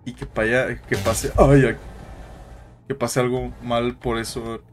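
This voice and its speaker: A man giving jittery, excitable let's-play commentary, tossing in English slang as he plays. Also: medium pitch, a little slow, a little hiss or hum. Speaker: gaming YouTuber.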